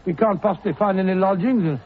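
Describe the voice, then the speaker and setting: An actor playing a fussy, comfort-loving Victorian doctor in a 1940s radio drama, blustering and stammering in dismay. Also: male voice, high voice, fast. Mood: uneasy. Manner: blustering, flustered, stammering exclamations. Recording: tinny old radio broadcast, faint hiss.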